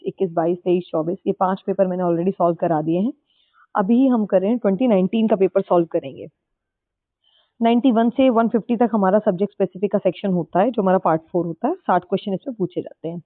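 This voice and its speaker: A woman teacher, explaining exam questions step by step, mixing Hindi with English and reading the English question text slowly. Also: mid-range voice, no echo. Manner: explains step by step, repeats answers, checks with "ठीक है". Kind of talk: exam-prep lesson in Hindi mixed with English. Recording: dry, tinny phone-like sound.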